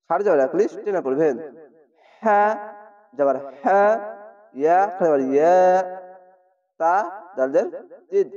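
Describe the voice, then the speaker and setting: A man teaching Quran reading in Bengali, spelling out each syllable and then chanting the whole word slowly and drawn out. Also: fairly high pitch, warm tone. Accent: Bangladeshi Bengali. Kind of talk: slow spelled-out recitation lesson. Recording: distant dull lo-fi recording.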